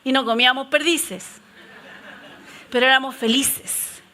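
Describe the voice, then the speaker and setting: A middle-aged woman pastor, preaching a lively storytelling sermon that moves between strong declarations and soft prayerful passages. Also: high voice, a little slow, a little hiss or hum.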